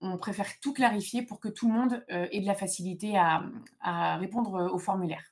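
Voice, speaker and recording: A woman hosts a casual, informal live Q&A, explaining procedures at a brisk pace in a medium-pitched, mid-range voice with fairly even intonation. Her delivery is relaxed, but she gives advice in a direct and emphatic way.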